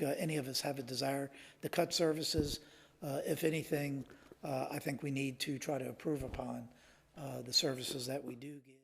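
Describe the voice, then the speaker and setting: A male council member explains things at a public meeting. His voice is gravelly and rough-edged, and he speaks in a measured way with frequent hesitations. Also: mid-range voice.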